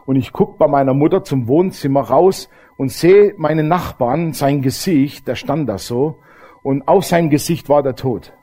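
A man's voice: fairly high pitch, normal speed, dark tone. A middle-aged man, preaching a testimony sermon and telling his story straight to the congregation. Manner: storytelling, addresses the audience directly.

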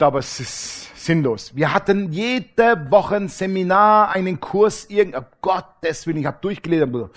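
A middle-aged male preacher giving a casual sermon, animated and colloquial, acting out the voices of people in his stories. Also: high voice. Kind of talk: sermon with anecdotes.

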